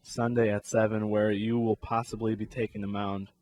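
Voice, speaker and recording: A man's voice: lowish voice, flat delivery, normal speed, darkish tone, dry recording. Dry-sounding male sports talk co-host. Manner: laid-back, recounts plays in detail with laughs. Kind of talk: casual sports talk chat.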